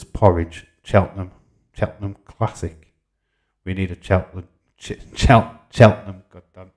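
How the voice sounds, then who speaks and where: A man in his forties from Yorkshire, England, with a Yorkshire accent, hosts a casual livestream, reading out comments and bantering informally as he answers. His voice sits low and sounds a little mellow.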